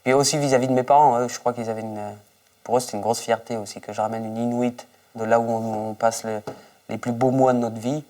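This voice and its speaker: A man's voice: mid-range voice, fairly even intonation, brisk, mellow, no echo, distant mic. Man, informal documentary interview, anecdotal, colloquial, mid-range voice, dry sound, slightly away from the microphone. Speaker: expedition member interviewed for a documentary. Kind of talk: informal spoken recollection.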